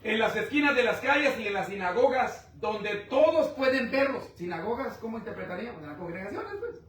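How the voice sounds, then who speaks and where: A man preaching a sermon, asking the congregation rhetorical questions and swinging between loud and quiet. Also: sits high, expressive, fairly quick. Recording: echoey room, mic at a distance.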